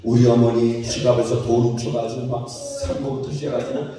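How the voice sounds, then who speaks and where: Animated preacher in an echoey hall. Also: male voice, mid-range voice, brisk, recorded from a distance, crowd noise. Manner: animated storytelling, breaks into singing and shouting. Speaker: pastor. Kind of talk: sermon testimony.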